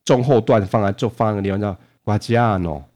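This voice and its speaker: A man's voice: fairly low pitch, steady tone, darkish tone. A man co-hosting a casual podcast chat, explaining things at length with lots of fillers and restarts. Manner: rapid, chatty, explains carefully with many fillers and restarts. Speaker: co-host. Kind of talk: casual podcast chat about motorcycle racing.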